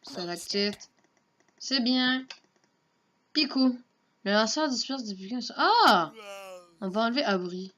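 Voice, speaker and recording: A woman's voice: on the high side, expressive, takes it slowly, pauses often, a bit bright. A woman giving casual, offhand commentary while playing a game, muttering her moves to herself. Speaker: let's play gamer. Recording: dull lo-fi home mic with faint noise.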